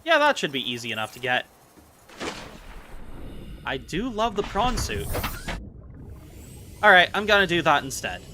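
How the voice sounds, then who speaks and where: Bright, lively man narrating gameplay. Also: on the high side, unhurried, long pauses, a little hiss or hum. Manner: chatty, self-mocking, thinks aloud. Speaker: gaming video host. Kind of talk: casual gameplay commentary.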